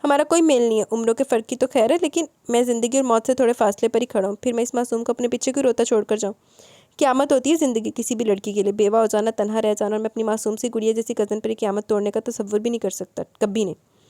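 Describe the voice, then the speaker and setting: A woman voicing a gravely ill young man who pleads in an earnest, measured way in an audio novel. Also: fairly high pitch, fairly even intonation, dark tone, dry recording, studio quality, lightly acted.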